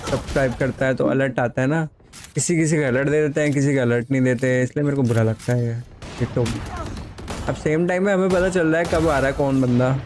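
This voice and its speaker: A man's voice: mid-range voice, a little mellow, slight background noise. A man from India live-streaming a game, chatting casually, teasing viewers and reading chat aloud, mixing in English phrases.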